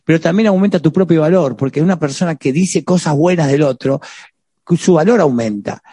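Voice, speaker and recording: A man's voice: a little high, a little fast, warm tone, breathy edge, dry recording, clean studio sound. A man with an Argentine accent preaching on marriage, addressing his listeners directly with jokes and frequent rhetorical "¿eh?" tag questions. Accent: Argentine Spanish. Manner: exhorting, peppered with rhetorical "¿eh?"; joking, direct address to the audience. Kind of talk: sermon.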